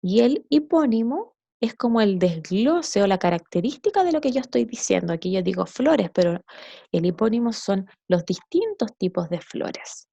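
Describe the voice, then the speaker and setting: A woman's voice: mid-range voice, animated, normal speed, gravelly, warm tone, no room sound, muffled recording. A woman teacher giving a patient, explanatory recorded lesson to children, often checking in with her listeners.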